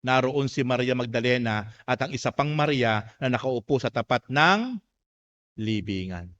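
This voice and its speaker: A male pastor with a Filipino accent preaching a sermon, dropping to a hush and then climbing to loud emphasis, with rhetorical questions to the congregation. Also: mid-range voice, animated, normal speed. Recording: dull lo-fi sound.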